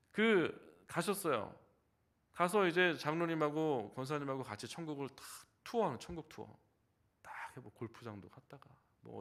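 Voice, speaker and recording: A man preaching a Wednesday evening sermon as pastor in a church, animated, with rhetorical questions and humorous stories, dropping from loud emphasis to soft low asides. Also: gravelly. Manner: humorous storytelling. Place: church sanctuary.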